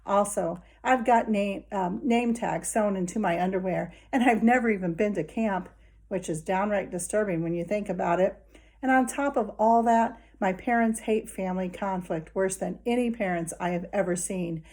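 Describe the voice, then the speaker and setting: A woman at a moderate pace reads a children's novel to young listeners, addressing them directly in friendly, conversational first-person narration. Her voice is mid-range with a darkish tone.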